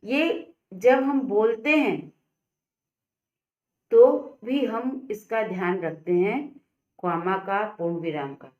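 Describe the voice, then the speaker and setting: Slow, deliberate woman teacher, echoey room. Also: medium pitch, darkish tone. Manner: slow, deliberate, asks questions to students. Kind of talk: classroom lesson.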